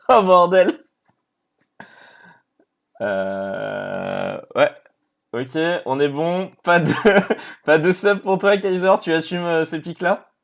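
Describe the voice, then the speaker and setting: A man hosting a live stream, running a draw and reacting out loud to each result. He talks casually and excitably and speaks to viewers by name. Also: on the high side, slow pace, gravelly, long pauses.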